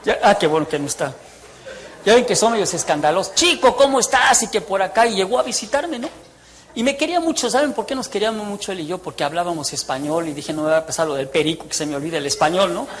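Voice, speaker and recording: A man, giving a testimony as a preacher, telling his story in an animated way, with loud bursts and hushed asides. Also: fairly high pitch, fast talker. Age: 60s. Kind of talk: testimony sermon.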